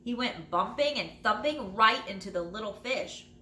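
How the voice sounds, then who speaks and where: A woman teacher reading a children's storybook aloud in an expressive, dramatic way with drawn-out phrases. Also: medium pitch. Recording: roomy echo, light background noise.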